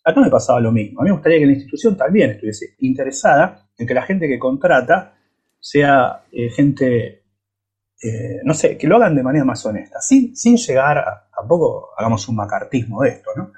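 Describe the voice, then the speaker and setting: A man's voice: mid-range voice, very animated, fairly quick, a little mellow, husky. A man from Buenos Aires with an Argentine accent, debating in a reflective, hesitant way with frequent restarts. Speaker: podcast panelist. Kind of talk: casual debate.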